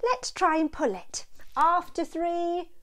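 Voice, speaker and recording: A woman plays a small toy bear in a children's story, eager and helpful. The voice is high and bounces widely in pitch. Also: lively intonation, slow pace, fairly bright tone, exaggerated voice. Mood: concerned, rallying.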